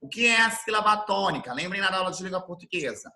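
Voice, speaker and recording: A man from Brazil teaching an online class, explaining things slowly and repeating his definitions. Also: sits high, expressive, sharp tone. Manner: slow, didactic, repeats definitions. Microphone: computer mic on video call.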